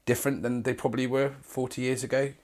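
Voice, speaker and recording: A man's voice: mid-range voice, little pitch movement, quick pace, darkish tone, dry recording. Friendly male interviewer asking casual questions. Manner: friendly, prompting questions with short affirmations.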